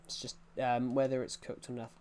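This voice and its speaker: A man's voice: medium pitch, completely flat delivery, fairly quick, darkish tone. A man in his early twenties chatting casually on a game livestream, rambling and reacting to chat messages. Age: early 20s.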